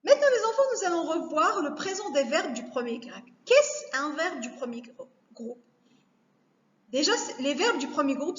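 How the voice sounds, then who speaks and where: A woman teacher giving a recorded lesson to young children, speaking slowly and carefully, repeating each word to break it down. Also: high-pitched. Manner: slow, careful, repeats words to spell them out. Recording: echoey room, dull lo-fi sound.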